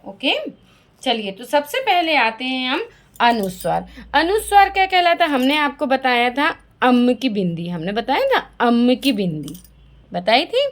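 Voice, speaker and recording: A woman teaching a class of young children, her voice fairly high and swinging up and down a great deal. She asks the class a question and then answers it herself, repeating every key word so the children remember it. Her tone is the patient, sing-song manner of a school lesson. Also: sing-song, unhurried.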